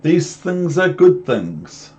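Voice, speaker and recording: A man with a New Zealand accent voicing a playful, confident cat showman from a children's storybook, with emphatic, drawn-out delivery. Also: on the high side, big pitch swings, warm tone, dull audio, voice pushed up. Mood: reassuring.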